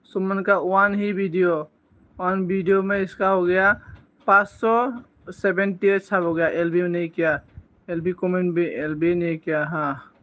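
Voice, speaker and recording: A man's voice: sits high, steady tone, a bit bright. A man casually chatting on a live stream, reading out viewer comments and teasing them back, with frequent coughs. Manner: slow, playful teasing banter with frequent coughs.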